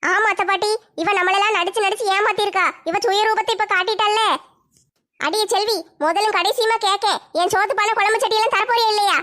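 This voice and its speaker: A woman acting in a comedy skit, scolding and shouting complaints. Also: extremely high pitch, steady tone, fast.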